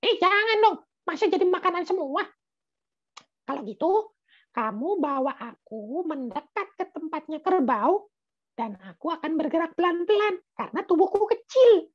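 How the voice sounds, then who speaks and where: A woman voicing a small, brave, chatty mouse in a children's story, full of quick exclamations, over video call audio. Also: extremely high pitch, animated, dull audio. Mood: alarmed.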